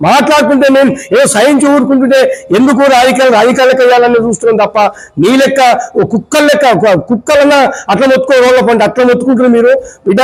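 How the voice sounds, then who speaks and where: A man's voice: very high-pitched, rough recording. A man speaking, giving an angry, threatening speech at a press meet as a local party worker.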